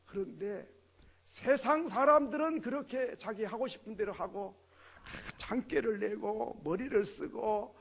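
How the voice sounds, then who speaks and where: High-pitched gravelly-voiced male preacher. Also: a little slow. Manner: conversational preaching, rhetorical questions. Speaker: pastor. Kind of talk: sermon.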